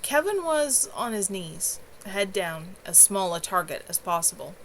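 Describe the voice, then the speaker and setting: At home on a livestream, a woman narrates fantasy fiction she wrote herself as an amateur author, with clear background noise in the recording. Her medium-pitched voice is a bit bright, with lively intonation and an unhurried pace.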